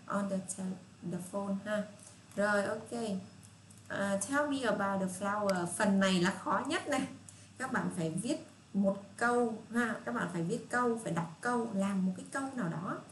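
A woman with a Southern Vietnamese accent teaching children English, patient and repetitive, reading English phrases out slowly. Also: mid-range voice. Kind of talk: casual spoken lesson for children. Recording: echoey room with faint hiss.

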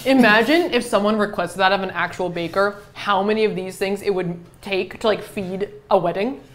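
A woman's voice: medium pitch, moderate pace. A woman co-hosting a casual livestream from home, chatting wryly while taste-testing food. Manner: wry, chatty. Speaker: co-host.

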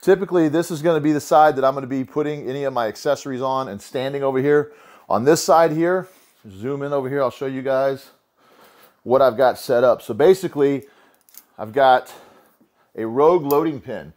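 A man's voice: medium pitch, fairly quick, a little mellow. A man in his thirties casually explaining a homemade cable pulley setup in his garage gym, talking loosely with lots of fillers and restarts, recorded by a camera a few steps away. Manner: loose, rambling, full of "uh" and restarts. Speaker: home gym lifter explaining a DIY build. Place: home garage gym, indoors.

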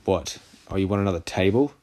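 Deep sarcastic gaming commentator man. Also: fast, darkish tone, slight background noise. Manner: sarcastic, crude, laughing at the game. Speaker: gaming channel host. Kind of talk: casual gameplay commentary. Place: voice-over of a mobile game.

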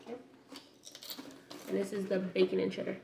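A woman's voice: mid-range voice, completely flat delivery, moderate pace, gravelly. Young woman chatting casually in an echoey kitchen. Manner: playful, informal banter. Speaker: vlog host. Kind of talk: casual taste-test chat to camera. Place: indoors, home kitchen. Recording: echoey room with faint noise, handling clicks.

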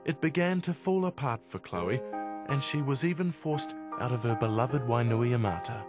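A man's voice: mid-range voice, animated, normal speed, over music. A man giving wry, tongue-in-cheek scripted narration for a mock documentary.

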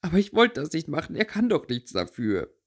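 A man's voice: a little high, wildly swooping pitch, a little fast, pitched above the performer's own voice. A man voicing a hot-tempered, emotional teenage schoolgirl in a read-aloud fantasy fanfiction audiobook. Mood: tearful upset. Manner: loud, emotional, blunt. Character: fiery, upset teenage schoolgirl. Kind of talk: audiobook character voice.

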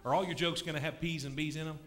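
A ventriloquist man with a bright, forceful tone and a slightly raised pitch, delivering plain, patient setups. He is recorded live in a theater, with faint crowd noise behind him. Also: steady tone, fast. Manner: patient, plain, lets the puppet lead. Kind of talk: live comedy straight man. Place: comedy theater stage.

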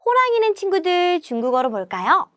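A woman's voice: extremely high pitch, very animated, brisk, fairly bright tone, no echo, clean studio sound. Sing-song woman telling a children's story. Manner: sweet, sing-song, addressing children directly. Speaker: children's storyteller and Chinese teacher. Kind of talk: storybook narration for children with vocabulary teaching.

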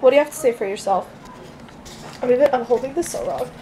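A young woman chatting casually and excitably in a vlog, recorded on a handheld camera in a bedroom. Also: sits high, fast talker, slight background noise, low-quality recording. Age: young adult. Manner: excitable, gushing, informal. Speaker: vlogger. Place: small bedroom indoors. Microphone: handheld camera at arm's length.

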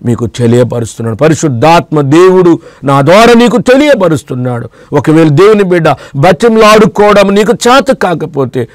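A man from Andhra Pradesh preaching on television, his fairly high voice swinging widely up and down as he repeats his words over and over. He calls the listeners beloved children of God and pleads with them directly. The sound is close and dry, with no room echo. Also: lively intonation, moderate pace. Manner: repetitive, pleading preaching with sweeping rises and drops. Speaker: pastor. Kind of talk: televised sermon and closing prayer.

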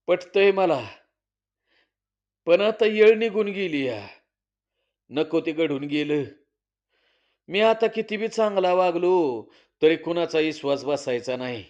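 A man voicing a remorseful rural husband, weary and despairing, speaking low and resigned. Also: darkish tone. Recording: slightly dull lo-fi recording.

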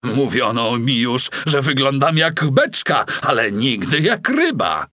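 A man's voice: mid-range voice, big pitch swings, measured pace, sharp tone, dry recording, clean studio sound. An actor voicing a stout, barrel-shaped lovesick man in a video game dub, wry and rueful.

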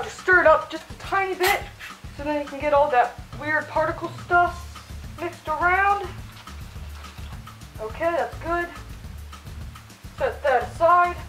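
A woman's voice: high-pitched, fairly bright tone, reverberant, low-quality recording. A woman hosting a playful cooking tutorial in a home kitchen, chatty and mock-instructional, talking from inside a costume head. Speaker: channel host cooking in fursuit.

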